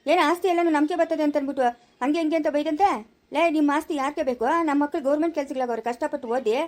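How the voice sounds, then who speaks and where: Woman acting as an indignant village dad, rural Chikkaballapura accent, high voice, rapid scolding. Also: fairly even intonation, a little mellow, natural voice. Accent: rural Chikkaballapura Kannada. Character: angry middle-aged village father defending his wife. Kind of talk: amateur family drama acting.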